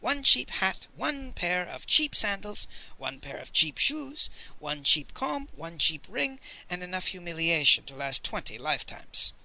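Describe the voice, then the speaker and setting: A man doing a sly, gossipy schemer who rattles off long lists with relish. The voice is bright and springy, rising and falling freely. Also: high voice, sing-song, unhurried, vocal fry, few pauses, exaggerated voice, low-quality recording.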